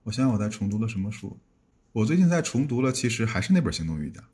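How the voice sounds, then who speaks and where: A man's voice: lowish voice, big pitch swings, rapid-fire, warm tone, husky. A man around forty, a podcast guest, talking casually and reflectively with frequent restarts. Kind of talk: casual conversation.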